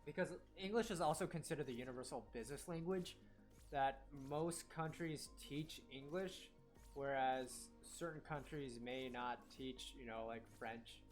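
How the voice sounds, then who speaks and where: This young American's first language was Korean, and he rambles casually during a game live stream, full of fillers and corrections. His voice sits in the mid-range and moves at a measured pace over quiet background music.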